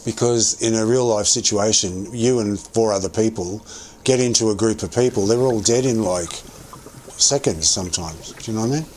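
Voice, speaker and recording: Low-voiced guy rambling over his game stream, chewing gum, faint hiss behind. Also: moderate pace, darkish tone. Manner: rambling, thinking aloud with many restarts; chewing gum while talking. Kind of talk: casual gameplay commentary.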